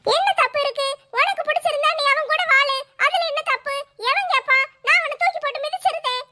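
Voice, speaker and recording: A woman's voice: very high-pitched, fairly quick, bright, forceful tone. A woman voicing a bold, bossy older sister who scolds and reassures in a brash way.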